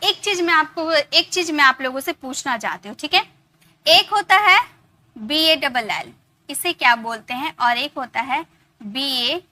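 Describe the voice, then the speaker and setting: A woman's voice: sits high, lively intonation, measured pace, sharp tone, no echo. A woman with an Indian accent teaching English reading rules, repeating words and asking questions as she drills them. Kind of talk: spoken classroom lesson.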